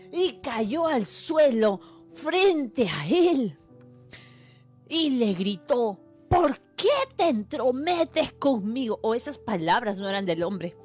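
A woman preacher, delivering a fervent, repetitive sermon to a livestream audience. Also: sits high. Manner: fervent, repetitive, rising to cries.

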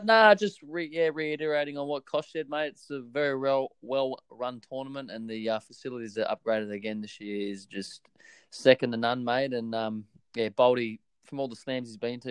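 A man's voice: mid-range voice, smooth, no room sound. A man from Australia with an Australian accent, a guest fan chatting in a laid-back way and tagging sentences with mate. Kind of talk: casual chat.

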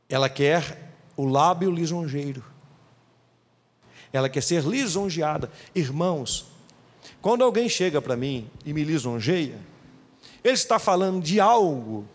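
Animated high-voiced male pastor. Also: in a large hall. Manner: emphatic preaching, acts out quotes. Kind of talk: sermon. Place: church.

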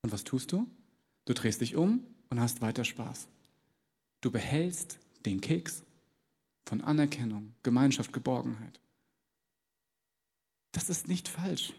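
A man's voice: medium pitch, animated, a little slow, creaky, long pauses, darkish tone, breathy edge. A man preaching a sermon in a large church, in a casual, conversational way that slips into little acted dialogues. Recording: long reverb of a large church.

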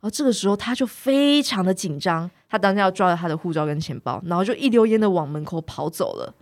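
A woman's voice: mid-range voice, lively intonation, quick pace, a little mellow, dry recording. A young woman casually telling a story on a chat podcast, acting out the people in it and laughing often.

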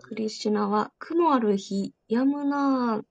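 A woman's voice: a little high, slow pace, a little mellow, lo-fi sound. A woman carefully and politely reading a devotional story aloud to listeners. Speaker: reader.

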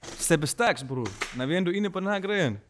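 A man telling a personal story in a casual podcast chat, slangy and animated, often checking that the listener follows. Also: high-pitched, crowd noise. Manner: slangy, animated, keeps asking if you follow. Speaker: podcast guest.

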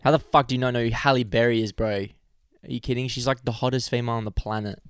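A man's voice: medium pitch, steady tone, fast, clear, resonant tone. A man co-hosting a podcast in casual, teasing banter, blunt and full of slang and swearing. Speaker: podcast co-host.

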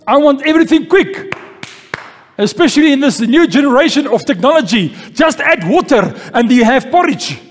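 A man preaches at a normal speed in an extremely high, animated voice, reading scripture, repeating key phrases and asking the congregation "Amen?" The recording, made in a church hall, has long reverb with faint music underneath.

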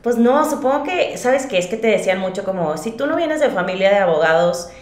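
Her mid-range, darkish voice comes across animated and fairly quick as she, an independent singer and artist from Monterrey with a northern Mexican accent, recounts her story as a podcast guest. The interview is casual and chatty, with her often cutting in to quote her own thoughts, all captured in a roomy, echoey recording.

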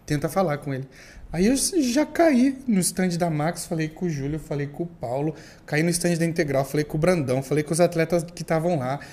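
A man's voice: on the high side, lively intonation, brisk, hardly any pauses, mellow. A man casually telling a story about how he started covering events as a reporter. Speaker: podcast guest, event reporter.

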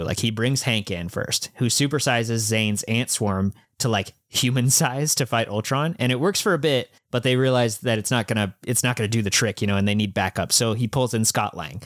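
A man's voice: on the low side, a bit bright, no echo, studio quality. A man in casual podcast chat, recapping a comic book story, with frequent laughs and lots of fillers and restarts.

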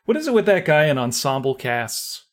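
A man co-hosting a podcast with a wry, easygoing manner, laughing along as the talk wanders. His voice sits in a middle pitch and plain everyday tone. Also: very animated, normal speed. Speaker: podcast co-host. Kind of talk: casual podcast banter.

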